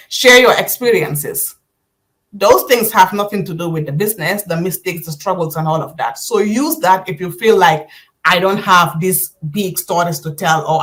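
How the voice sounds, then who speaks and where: A woman's voice: lowish voice, a bit bright. A woman business coach teaching a live online class, talking conversationally, addressing listeners directly and giving step-by-step instructions.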